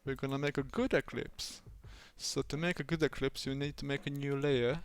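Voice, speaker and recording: A man livestreaming his design work in a fake British accent, rambling playfully to himself and his software. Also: medium pitch, steady tone, moderate pace, clean tone. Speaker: streamer. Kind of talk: livestream self-talk while doing design work.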